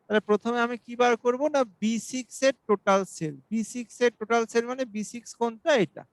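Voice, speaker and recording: High-voiced man teaching math slowly. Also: fairly even intonation, dry recording, low-quality recording. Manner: slow, step-by-step explaining, reads questions aloud in English; asks students for doubts. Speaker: mathematics teacher. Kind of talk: exam-prep math lesson.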